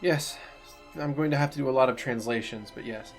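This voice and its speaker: A man's voice: medium pitch, brisk. Male game master, casual tabletop narration with faint music underneath.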